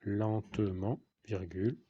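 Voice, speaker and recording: A man's voice: fairly low pitch, fairly even intonation, slow pace, lo-fi sound, a little hiss or hum. A man with a French accent reading a dictation to schoolchildren, repeating each phrase and saying the punctuation aloud. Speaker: teacher giving a dictation.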